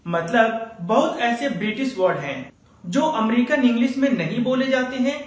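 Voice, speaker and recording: A man teaching a video lesson on English, calmly explaining examples and calling his viewers friends. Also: very high-pitched, moderate pace. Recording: very echoey room.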